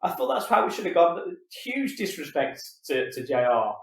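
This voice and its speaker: Animated man in an echoey room. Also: on the high side, normal speed, vocal fry. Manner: animated, swears a lot, acts out voices in quotes. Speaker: podcast co-host. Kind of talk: casual chat.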